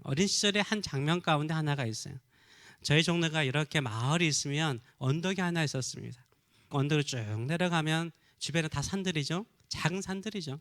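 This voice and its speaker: A man's voice: on the high side, sharp tone. A middle-aged male pastor from Korea preaching a sermon, telling a story and then crying out fervently in prayer.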